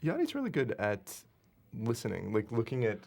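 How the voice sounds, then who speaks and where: A man's voice: medium pitch, huge pitch swings, moderate pace, gravelly, a little mellow. A man chatting casually on a DVD commentary track as the episode's writer, earnest and appreciative.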